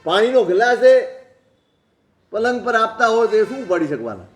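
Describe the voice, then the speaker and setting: Male preacher, high voice, sermon with stories and rhetorical questions, echoey hall recording. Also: animated, normal speed, faint music behind.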